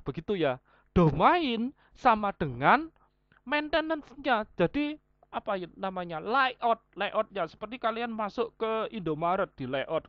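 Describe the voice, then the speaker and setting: A woman teacher explains her online class point by point and ties each idea to everyday examples. Her pitch rises and falls a lot as she talks. The recording is dry and slightly dull, with no room sound. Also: no echo. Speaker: vocational school teacher.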